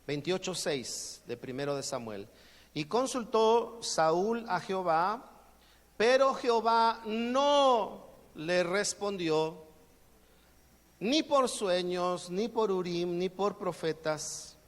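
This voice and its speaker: A long hall reverb surrounds this pastor, whose high-sitting voice has lively intonation and a slow pace. Speaking with a Mexican Spanish accent, he preaches while joking and acting out everyday exchanges.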